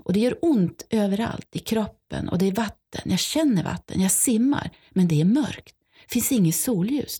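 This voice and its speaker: A woman reading, in first person, a young girl's hushed, halting account of surviving a flood. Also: medium pitch, breathy edge. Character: young Swedish girl recounting surviving a tsunami.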